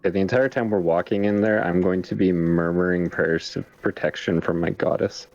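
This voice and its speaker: A man's voice: low voice, fairly even intonation, normal speed, a little mellow, dull audio. A man playing in a tabletop game, talking casually and thinking aloud. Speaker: player.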